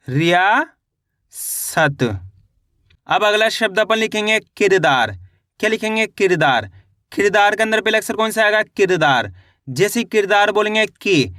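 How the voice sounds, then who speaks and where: A man's voice: high-pitched, pushed and bright, smooth, no echo, studio quality. A man teaching children to read, sounding out each word syllable by syllable and repeating it patiently. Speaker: Hindi reading teacher. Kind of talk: slow spelling lesson, syllable by syllable.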